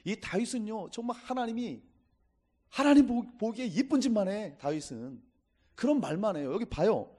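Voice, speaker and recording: High, lively-voiced male pastor preaching. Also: moderate pace, breathy edge. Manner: preaching with acted-out quotes and scripture readings. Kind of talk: Sunday sermon.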